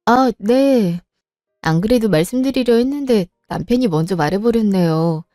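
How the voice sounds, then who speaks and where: A woman's voice: medium pitch, expressive, moderate pace, dark tone, dry recording, clean studio sound, soft background music. A woman narrating and acting as a worried housewife who anxiously pleads for her ill mother. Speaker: narrator and protagonist. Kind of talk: scripted drama narration.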